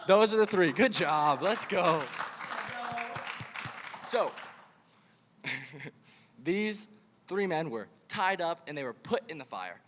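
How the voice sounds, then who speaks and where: Young male youth preacher, animated storyteller, slightly high voice, echoing hall. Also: takes it slowly, pauses often, a faint crowd, slight background noise. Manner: animated storytelling, acts out the king. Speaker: youth camp speaker. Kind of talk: casual sermon to kids. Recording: hall reverb.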